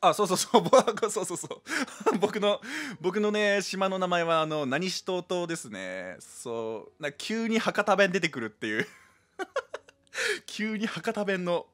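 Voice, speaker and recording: A man live-streams a game, casually chatting and rambling to himself and his viewers through a desk microphone. His voice is high-pitched, very animated and fairly bright, moving at a measured pace.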